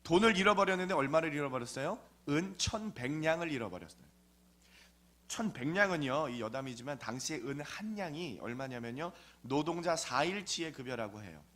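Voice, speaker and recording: A man's voice: fairly high pitch, expressive, a little fast, a bit bright. A man preaching a sermon in a conversational storytelling way, often asking his listeners questions. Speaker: pastor.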